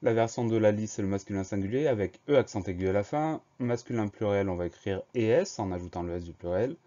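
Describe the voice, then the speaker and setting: A man teaching a spelling lesson, slowly and deliberately spelling words letter by letter for dictation. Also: on the low side, mellow. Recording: dull lo-fi recording.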